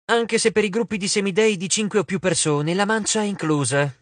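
A man's voice: high-pitched, brisk, no echo, voice pushed up. A man voicing a vain, lordly male god of wine in an audiobook, drawling and dismissive. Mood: drawling, bored. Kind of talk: audiobook character voice.

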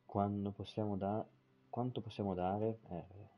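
A man's voice: fairly low pitch, level tone, a little slow, highs cut off, a little hiss or hum. A man streaming a game, swearing casually and stumbling as he reads in-game texts aloud. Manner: swears casually, stumbles over words while reading. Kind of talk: live gameplay commentary and reading in-game texts aloud.

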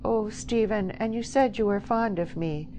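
A woman voicing a frightened, gentle young country woman who speaks in a soft rural dialect, with a steady hiss behind her. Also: mid-range voice, unhurried, pitched above the performer's own voice, natural voice, low-quality recording. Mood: pleading.

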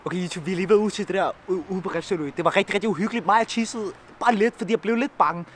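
A young man hosting a vlog from inside a car, joking and teasing in brash, slang-heavy casual talk. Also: sits high. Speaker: vlogger host. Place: inside a car at a drive-through attraction. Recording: noisy in-car recording.

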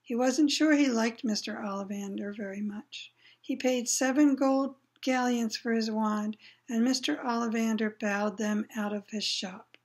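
A woman's voice: fairly high pitch, fairly even intonation, a little slow. A woman reading a children's novel aloud, plain storytelling with brief asides to listeners. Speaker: reader.

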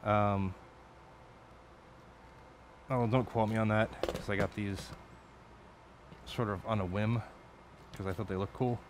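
A man's voice: fairly low pitch, steady tone, slow, pauses often, background noise. A man talking casually while building an electronics project at his home workbench late at night, rambling, swearing and correcting himself. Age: adult. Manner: rambling, profane, self-correcting. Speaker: electronics hobbyist streamer.

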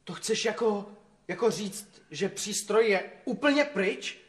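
An actor playing a proud, determined young devil in a fairy-tale film. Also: male voice, high voice, lively intonation.

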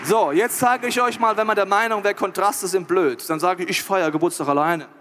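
A male pastor preaching a lively, joking sermon and talking directly to the crowd. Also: high voice, brisk.

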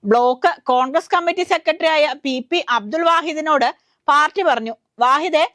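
A woman's voice: sits high, normal speed, a bit bright, dry recording, clean studio sound. A woman with a Malayali accent reading a scripted news voice-over in a wry, satirical storytelling way. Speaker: news narrator.

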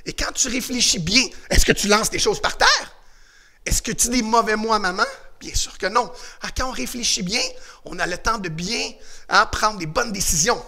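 A man coaches a children's karate class with shouted commands and call-and-response. His voice sits high and bright, with a gravelly edge and a husky grain. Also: normal speed. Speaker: karate and kickboxing instructor. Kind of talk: energetic class instruction for children on video.

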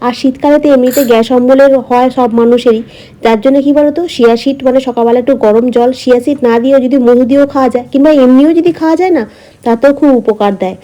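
Quick-talking woman vlogger, dark-toned. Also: high voice. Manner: chatty, explaining daily routine to viewers. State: slight cold, throat a bit hoarse. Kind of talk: casual chat to viewers.

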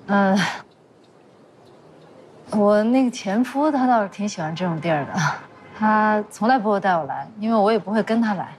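A woman's voice: mid-range voice, animated, moderate pace, pauses often, a little mellow, slight background noise, close to an everyday voice. An actress in her thirties playing an exasperated, guarded professional woman in a screen drama, speaking in a reluctant, matter-of-fact way. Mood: guarded, calmer. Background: background music.

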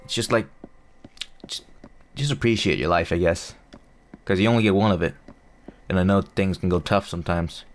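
Faint music sits behind a low male voice with fairly even intonation, normal speed, and long pauses. A young gaming YouTuber and non-native English speaker, he chats loosely over gameplay, rambling and self-mocking, full of fillers and false starts.

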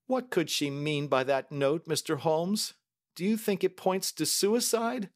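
A man doing a grief-stricken old banker who talks in high, strained, pleading bursts and breaks into frantic questions. It is an audiobook-style reading with a light, somewhat high voice. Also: measured pace, close to an everyday voice. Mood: desperate. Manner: pleading and overwrought. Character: distraught older male banker, grief-stricken, excitable.

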